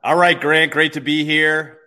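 A sports bettor guesting on a live betting show talks through his picks in an upbeat, easygoing chat. His voice is on the high side with a sharp tone and little pitch movement, at normal speed.

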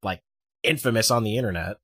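A man co-hosting a casual podcast chat in a relaxed, agreeable way. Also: lowish voice, fast, husky, dry recording, clean studio sound.

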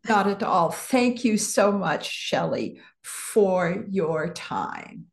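A woman's voice: mid-range voice, sing-song, drawn-out words, creaky. A woman hosting an interview, speaking in a courteous and appreciative way.

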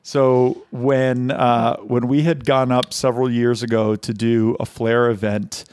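Un hombre que copresenta un pódcast y cuenta una anécdota de forma informal, divagando entre titubeos. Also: male voice, mid-range voice, level tone, a little mellow, clear, resonant tone. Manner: rambling storyteller, halting with fillers. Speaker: podcast co-host. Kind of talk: casual chat.

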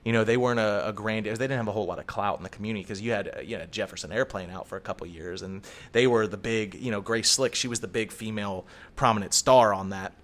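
Man, lowish voice, middle-aged, casual podcast chat, rambling, swears a lot. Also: quick pace, fairly bright tone. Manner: profane, rambling, storytelling. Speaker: podcast co-host.

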